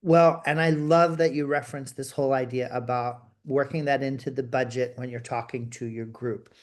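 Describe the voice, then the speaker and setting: A playful, excitable man co-hosting an interview over a video call. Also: mid-range voice, normal speed. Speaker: co-host.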